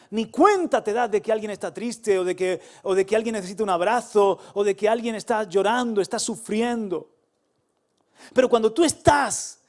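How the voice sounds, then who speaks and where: High-voiced, animated Spanish pastor. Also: male voice. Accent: Spain Spanish. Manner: animated preaching, swings from loud calls to soft asides, laughs at own stories. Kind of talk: sermon.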